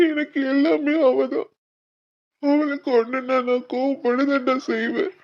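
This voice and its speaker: A woman's voice: sits high, highs cut off, pitched above the performer's own voice. A woman voicing an angry young male college student who pleads hotly for his mother's honour. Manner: heated, pleading.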